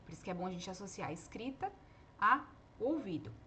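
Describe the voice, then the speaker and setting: A woman teaching English pronunciation in a live online lesson, explaining patiently and modeling each word slowly aloud. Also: medium pitch, very animated, bright, forceful tone.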